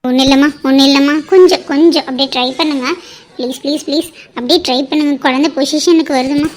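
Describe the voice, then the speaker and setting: A woman voicing a brisk bossy cartoon doctor. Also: sits high, fairly even intonation, close to an everyday voice. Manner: commanding, brisk.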